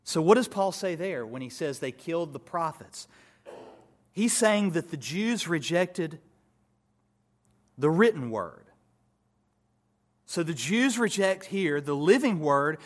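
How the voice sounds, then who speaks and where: A male pastor preaching an expository sermon, building to emphatic peaks and dropping to soft asides. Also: on the high side, sing-song, slow, pauses often.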